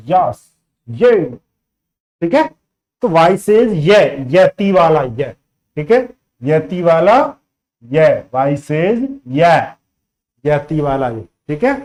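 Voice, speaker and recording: A man's voice: a little high, a little mellow. A man teaching beginner phonics, repeating each letter sound again and again and checking in often. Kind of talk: beginner phonics lesson in Hindi.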